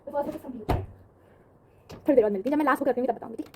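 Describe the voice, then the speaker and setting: Teenage girl, high voice, fast rambling vlog chat, faint hiss. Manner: chatty, rambling, mixes Hindi and English. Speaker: vlogger.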